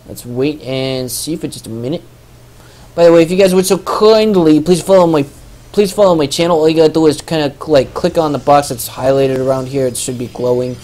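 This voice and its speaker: Mellow rambling male game caster. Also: fairly high pitch, a little fast. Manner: rambling, joking, loose. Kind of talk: casual esports commentary.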